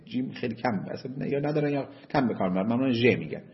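Male seminary lecturer, very animated pitch, muffled lo-fi recording. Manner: slow deliberate reading of Arabic text, then lively asides. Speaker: seminary teacher. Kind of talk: lecture on Islamic jurisprudence.

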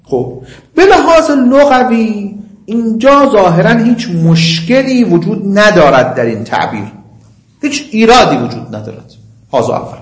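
A man lecturing on religious law, reciting Arabic passages slowly and explaining them in quick, conversational asides. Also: sits high, sing-song, reverberant. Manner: slow chanting of quoted Arabic, quick asides. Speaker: seminary lecturer.

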